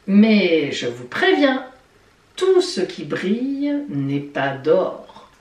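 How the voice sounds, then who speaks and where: A woman's voice: lowish voice, sing-song, extremely slow, a little mellow, recorded from a distance. A woman giving weekly horoscopes in a playful, chatty way, talking straight to her listeners. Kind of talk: casual horoscope reading. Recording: roomy sound from off-mic.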